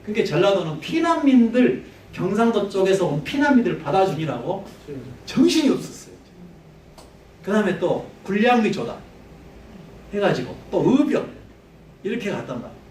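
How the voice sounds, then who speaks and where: Male history lecturer, lively and pitch-swinging, quizzes the audience; echoey hall, slightly off-mic. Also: a little fast, distant mic, a little hiss or hum. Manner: conversational, poses questions to the audience.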